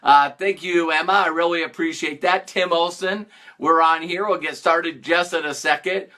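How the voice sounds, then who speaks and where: A man's voice: fairly high pitch, steady tone, moderate pace, pushed and bright. A man hosting a casual live stream as a motivational speaker, greeting viewers by name and stressing points with playful mock sarcasm.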